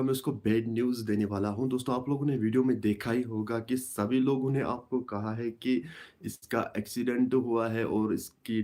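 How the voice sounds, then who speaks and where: A young man hosting a casual live stream, talking in a halting way with many restarts and repeated phrases. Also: mid-range voice, a little mellow. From Kashmir.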